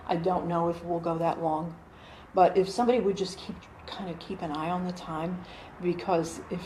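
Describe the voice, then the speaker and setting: Mellow and fairly low in pitch, her voice moves at a moderate pace with fairly even intonation. The woman, in her forties, explains her channeling to a small group in a living room, chatty and full of fillers and restarts. A phone camera across the room gives a roomy recording with faint hum.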